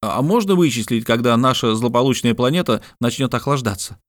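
A man voicing an excitable, curious adventurer who jokes and exclaims in a storybook reading. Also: mid-range voice, fairly quick, dry recording, clean studio sound, natural voice. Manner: animated, exclaiming.

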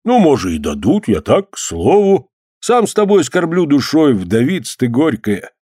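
A man's voice: a little high, wildly swooping pitch, measured pace, mellow, slightly rough, no room sound, clean studio sound, full character voice. A man playing a sly old village priest who offers pious comfort in an oily, sermonizing way. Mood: unctuous.

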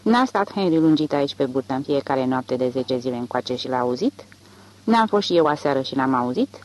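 An audiobook reader voicing a tense grown man who whispers insistently in the dark. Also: mid-range voice, close to an everyday voice, rough recording. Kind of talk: audiobook reading.

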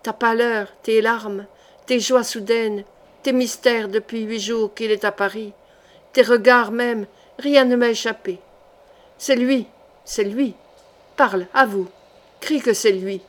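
A woman voicing a cold, cruel queen who speaks calmly and coldly and threatens with quiet menace, in an audiobook reading. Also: a little high, measured pace, lightly acted. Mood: ferocious. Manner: calm, then icy and threatening.

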